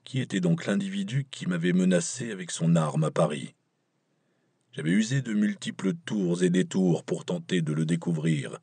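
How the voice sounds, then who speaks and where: A man narrating an audiobook in the first person, measured and wry. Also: low-pitched, a little mellow, slightly rough, no echo.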